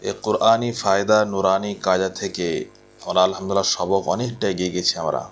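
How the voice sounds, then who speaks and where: A man teaching a recorded Quran reading lesson at a board. He patiently repeats each point and slowly draws out the sounds he demonstrates. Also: deep voice, fairly even intonation. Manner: slow, drawn-out demonstration of sounds.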